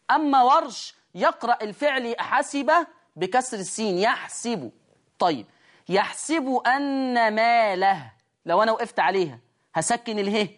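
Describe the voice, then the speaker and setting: A woman with an Egyptian accent teaching tajweed on screen, explaining step by step and asking and answering her own questions. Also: on the high side. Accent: Egyptian Arabic. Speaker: Quran recitation teacher. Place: studio lesson with a control room.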